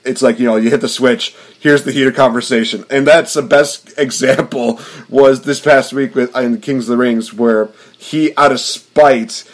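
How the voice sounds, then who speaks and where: A man's voice: mid-range voice, steady tone, normal speed, hardly any pauses. Rambling man hosting a podcast. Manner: rambling, with many fillers. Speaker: podcast host. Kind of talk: casual podcast chat.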